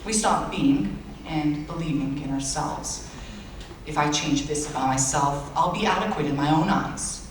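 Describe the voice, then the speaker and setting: This high-ish male voice belongs to a late-teen valedictorian whose first language is Bulgarian, speaking unhurriedly and with earnest self-deprecation at his graduation. He's captured from far off by an audience camera in a large school auditorium, so the sound is echoey with slight background noise.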